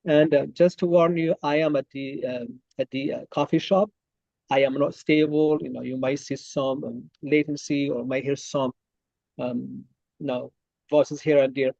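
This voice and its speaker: A man's voice: medium pitch, mellow, no room sound, highs cut off. A man from Morocco giving a webinar talk from a coffee shop over an online call, with many fillers and restarts. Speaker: guest speaker. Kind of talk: webinar presentation.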